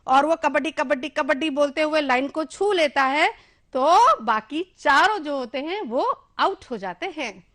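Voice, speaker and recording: A woman teacher explaining an English school text in Hindi, reading the English slowly and translating it line by line. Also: high-pitched, a bit bright. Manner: slow, drawn-out reading of English sentences, then Hindi translation; chants kabaddi calls in quick repeated syllables.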